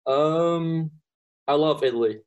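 Speaking slowly and clearly, a young Flemish-speaking golfer from Belgium fields interview questions in a slightly high, resonant voice, though the audio sounds dull. He's laid-back, often saying um and starting sentences over.

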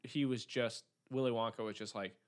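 A man co-hosting a casual podcast chat, sarcastic and animated as he makes his case. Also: mid-range voice, a little fast. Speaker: podcast co-host.

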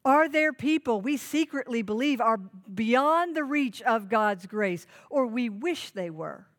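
A woman's voice: fairly high pitch, lively intonation, takes it slowly. A woman pastor preaching a sermon, stressing key phrases by repeating them and putting direct questions to her listeners. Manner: emphatic, repeats key phrases for note-taking.

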